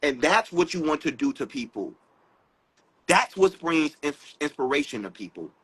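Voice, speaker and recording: A man giving an animated, preachy spiritual talk, breaking into quotes and rap lines. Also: on the high side, normal speed, slightly rough, poor audio. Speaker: spiritual speaker. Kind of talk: casual live talk.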